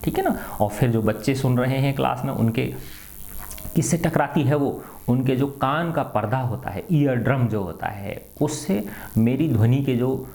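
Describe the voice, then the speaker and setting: A middle-aged science teacher lectures students at a normal pace, his medium-pitched voice a little mellow, with vocal fry and lively intonation. He frequently answers questions he has just asked and ends sentences with "है ना".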